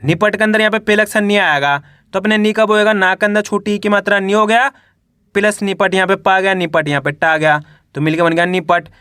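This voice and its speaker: A man's voice: high voice, steady tone, fairly quick, sharp tone, clean tone, no echo, studio quality. A young man teaching a Hindi reading lesson, spelling out words syllable by syllable and quizzing the viewers.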